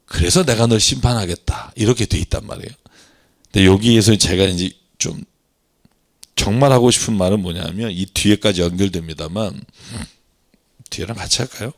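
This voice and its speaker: A man, a pastor, giving a Bible reading lecture, acting out the words of God and the people and asking his listeners questions. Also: fairly low pitch. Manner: animated, acts out God's and people's words in dialogue; asks the audience questions, laughs at himself.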